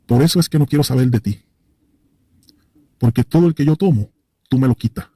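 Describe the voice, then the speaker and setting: A man voicing a possessed woman who speaks in a hostile, defiant way, with a very dark voice. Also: medium pitch, fairly quick, breathy edge, dry recording, clean studio sound, close to an everyday voice. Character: possessed woman speaking with a deep, rough male voice.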